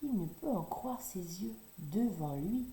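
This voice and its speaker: A woman reading a children's story aloud in a lively, expressive way. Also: mid-range voice, a little slow. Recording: roomy echo.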